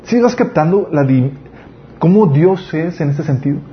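A man's voice: on the high side, measured pace. Earnest preacher man, lo-fi. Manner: earnest, rhetorical questions, animated emphasis. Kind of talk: sermon on parenting. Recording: slightly dull lo-fi recording with faint noise.

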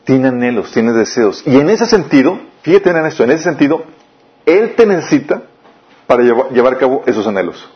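A man preaching a sermon, often asking the listeners questions and swinging between raised and lowered delivery. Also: fairly quick. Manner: questioning the listeners often, lively rises and drops. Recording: dull lo-fi recording.

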